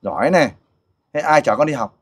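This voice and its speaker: A middle-aged man hosting a casual interview, coaxing and animated as he questions a child and a father. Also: mid-range voice, a little fast, husky. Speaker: host interviewer for a volunteer group.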